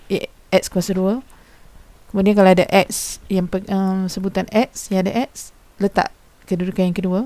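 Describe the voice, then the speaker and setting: A woman's voice: mid-range voice, mellow, no echo. A woman teacher giving a recorded lesson, explaining patiently in an informal manner and asking her students questions. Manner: informal teacher's speech with frequent fillers.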